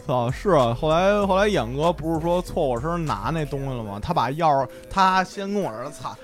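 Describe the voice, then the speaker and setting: A young man, a podcast co-host, telling a story in casual chat, excitable and swearing often. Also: fairly high pitch, a little fast.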